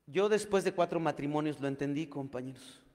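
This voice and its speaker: A man's voice: a little high, a little fast, a little mellow, long reverb tail. A man with a Mexican accent sharing his recovery testimony with his group, using crude slang and calling his listeners compañeros.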